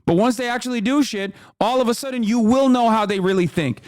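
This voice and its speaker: A man's voice: very high voice, fairly quick, no echo, studio quality. A man live-streaming political reaction commentary, talking in a profane, emphatic way and often tagging "okay?" onto his points.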